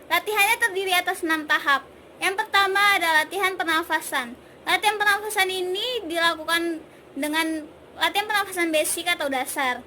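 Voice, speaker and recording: A young woman in her twenties from Indonesia, a communication student, leads an instructional vlog on public speaking. Her voice sits very high and bright, and she explains each exercise clearly, step by step. A faint hiss of background noise runs under the recording. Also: fairly quick. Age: 20s.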